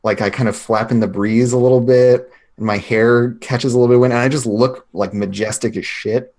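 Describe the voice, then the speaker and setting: A man's voice: mid-range voice, steady tone, fairly quick, a little mellow. A man playing a tabletop game, casually improvising narration of his character's moves.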